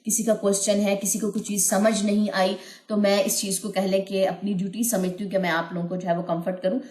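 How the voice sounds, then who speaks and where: A woman teaching Quran recitation in a recorded online lesson, patiently explaining sounds and chanting verses slowly and melodically. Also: medium pitch, level tone, a little mellow, reverberant.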